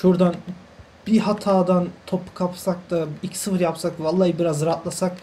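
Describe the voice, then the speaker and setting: A man's voice: high voice, fairly even intonation, a little fast, mellow. A young man commenting live on his own football video game, exasperated, urging his players on and repeating himself as things go wrong. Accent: Turkish. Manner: exasperated, talks to players on screen, swears by God, repeats himself. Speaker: gaming channel host.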